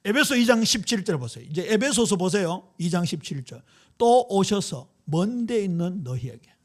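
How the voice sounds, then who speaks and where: A male pastor from Daegu with a Gyeongsang accent, preaching a lively, joking sermon to his congregation. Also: very high-pitched. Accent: Gyeongsang Korean. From Daegu, South Korea.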